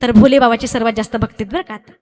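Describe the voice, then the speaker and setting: A woman's voice: fairly high pitch, fairly even intonation, very fast, mellow, long reverb tail, faint music behind. A woman with a Marathi accent preaching a devotional kirtan sermon, telling a story animatedly, acting out the characters' voices and talking directly to the audience.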